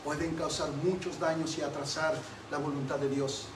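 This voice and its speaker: A man's voice: a little high, flat delivery, moderate pace. A man preaching an emphatic sermon as pastor, repeatedly addressing the congregation as brothers. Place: church sanctuary. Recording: echoey church hall from far off, faint noise.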